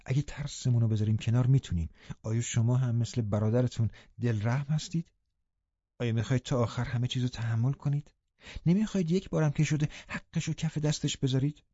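A man voicing a bitter, vengeful young man in an audiobook, talking loud and threatening. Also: mid-range voice, dry recording, natural voice. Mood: urging. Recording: muffled lo-fi recording.

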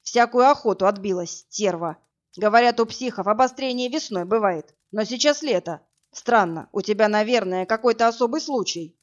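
A woman voicing a burly, crude male thug who barks orders and mocks, in a rough, coarse, threatening manner. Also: on the high side, normal speed, natural voice. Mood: gruff. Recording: dull lo-fi audiobook, faint music.

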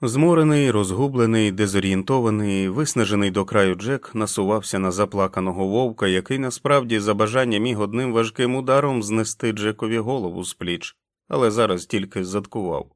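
Low-voiced man narrating an audiobook. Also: a little fast, dry recording, clean studio sound.

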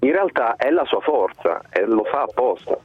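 A man's voice: medium pitch, very animated, normal speed, slightly rough, dry recording. A man calling in over the phone to a football radio show, making his point earnestly, step by step. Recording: dry, tinny phone line.

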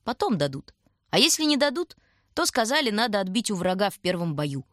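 A woman's voice: mid-range voice, very animated, a little fast, no echo, studio quality, natural voice. A woman voicing a cheerful, self-deprecating young male recruit who talks in a good-natured, reassuring way.

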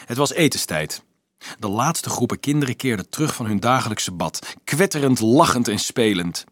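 Male narrator for a novel reading, very lively intonation, mid pitch, dry close recording. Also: normal speed, no room sound. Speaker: audiobook narrator. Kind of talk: scripted narration.

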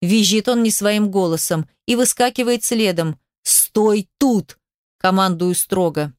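A woman's voice: medium pitch, moderate pace, smooth, no echo, studio quality. A woman reading a first-person story aloud in a wry, sarcastic way. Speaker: narrator. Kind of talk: first-person audiobook narration.

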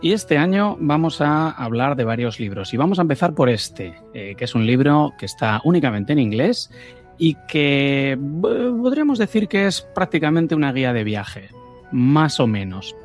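A man with a Spanish accent hosting a podcast, relaxed and casual, with fillers. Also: fairly high pitch, moderate pace, soft background music. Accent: Spanish (Spain). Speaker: podcast host. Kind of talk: casual introduction.

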